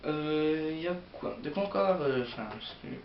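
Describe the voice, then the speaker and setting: A man's voice: fairly high pitch, normal speed. A young man chatting casually about manga to his viewers, hesitant and rambling with many fillers. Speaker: manga vlogger. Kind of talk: casual manga chronicle to camera. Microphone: built-in mic of an old computer setup. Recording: roomy, distant, dull lo-fi sound with faint hiss.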